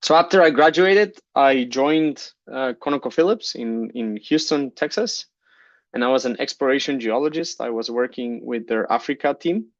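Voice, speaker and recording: A man's voice: mid-range voice, moderate pace, dry recording, highs cut off. Man from Guatemala giving a keynote. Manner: relaxed, many fillers and restarts. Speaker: keynote speaker, geologist. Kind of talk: conference keynote talk. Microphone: computer mic on a video call.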